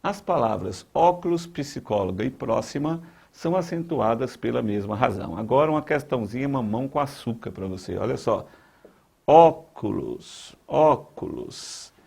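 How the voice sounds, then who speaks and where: Creaky-voiced Brazilian grammar teacher. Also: male voice, medium pitch, lively intonation, a little fast, darkish tone. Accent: Brazilian Portuguese. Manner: repetitive, emphatic, talks straight to the viewer. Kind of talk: exam-prep lesson.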